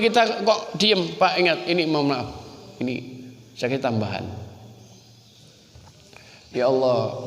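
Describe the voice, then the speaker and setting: A male preacher with a Javanese accent, giving a folksy sermon and talking straight to his listeners. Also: mid-range voice. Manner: folksy, addresses listeners as Pak and Bu, mixes in Javanese. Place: mosque or community hall. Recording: echoey hall with long reverb.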